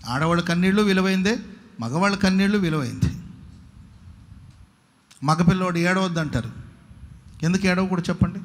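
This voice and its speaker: A man preaching a sermon as pastor, repeating his words for emphasis and leading the congregation to read verses back after him. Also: fairly high pitch. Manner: emphatic repetitive preaching, leads congregation in reading verses aloud.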